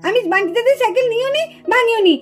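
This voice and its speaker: A mischievous little girl, voiced by a woman in a doll puppet cartoon, coaxing sweetly and acting innocent. Her voice is extremely high and childlike, with faint music under it. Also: fast. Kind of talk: doll puppet show voicing.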